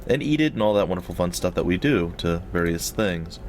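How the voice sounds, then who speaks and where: Slightly wheezy, low-voiced man, jokey gaming commentary. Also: lively intonation, brisk. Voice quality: slightly wheezy, noisy breath. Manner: rambling, jokey, repeats phrases for effect. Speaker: host of a gaming let's play series. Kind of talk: casual let's play commentary.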